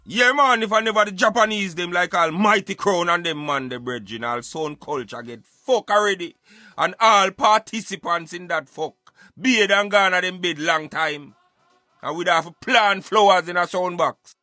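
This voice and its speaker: This high-pitched male radio host talks at a moderate pace in a Jamaican accent, with soft music playing underneath and no room sound. Casual yet emphatic, he offers his views and speaks to listeners as friends, repeatedly calling them brethren in an animated way.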